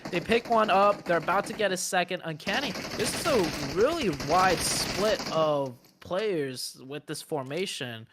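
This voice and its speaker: A man giving analytical esports commentary in an explanatory, measured way with some fillers. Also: high voice, animated, noisy background. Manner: explanatory, measured, uses fillers like you know.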